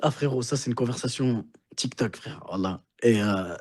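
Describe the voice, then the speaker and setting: Husky, self-assured male guest. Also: medium pitch, moderate pace, a little mellow. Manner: storytelling, self-assured, keeps saying "bro". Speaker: guest on a livestream. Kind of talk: casual livestream chat.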